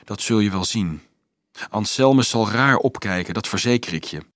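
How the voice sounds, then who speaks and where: Male reader playing a teasing young student who whispers low and knowing; dry sound. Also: animated, normal speed, a bit bright, dry recording. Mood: sly whisper.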